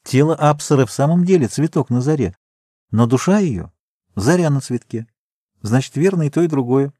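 A man's voice: medium pitch, lively intonation, normal speed, warm tone, husky, no room sound, clean studio sound, pitched above the performer's own voice. A man reading aloud, voicing a graceful woman hostess who speaks in a delighted, lyrical way.

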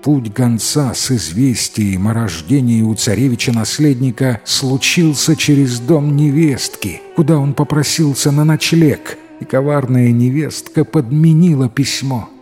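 A man narrating a fairy tale in an expressive, dramatic storytelling manner. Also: mid-range voice, unhurried, few pauses. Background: faint music.

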